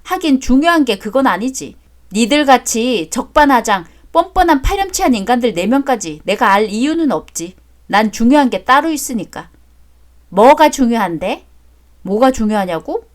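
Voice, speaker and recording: A woman acts out an angry confrontation in a radio drama, her voice high and lively. She speaks in a sharp, scolding manner. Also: moderate pace. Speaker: narrator and voice actor.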